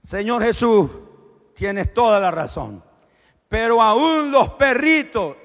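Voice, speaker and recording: A desperate, pleading mother cries out high and loud, as a man puts her on mid-sermon. Her begging is shrill and insistent, far above an ordinary speaking voice. The sound rings with long church-hall reverb. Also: steady tone, moderate pace.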